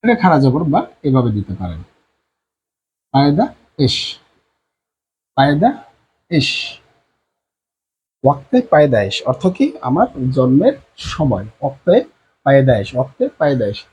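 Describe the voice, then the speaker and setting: Husky, slow-drilling Bengali-speaking male teacher. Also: mid-range voice, wildly swooping pitch, mellow, poor audio. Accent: Bangladeshi Bengali. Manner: slow, repetitive, drawn-out teaching delivery with many fillers. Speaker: language teacher. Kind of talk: whiteboard language lesson.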